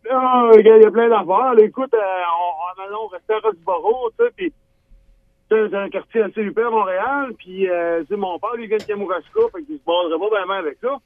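A man's voice: high-pitched, expressive, fairly quick, creaky. A man with a Québécois accent calls into a radio show over a landline phone and tells a rambling family anecdote, chuckling at his own story. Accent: Québécois French. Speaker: radio call-in caller. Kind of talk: casual anecdote told on air. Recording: tinny phone line.

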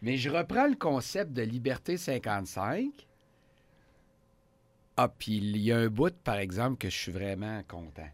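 Animated Québécois man in his fifties. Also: medium pitch, normal speed, dry recording. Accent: Québécois French. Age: 50s. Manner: animated, emphatic, jokey. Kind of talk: casual talk show chat.

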